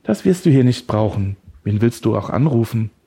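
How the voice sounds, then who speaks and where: A man's voice: mid-range voice, expressive, normal speed, dark tone, slightly rough. A man voicing a deranged male woodcutter who holds someone captive, taunting and smug, then creepily tender. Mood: mocking. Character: deranged male woodcutter kidnapper, mocking and obsessive.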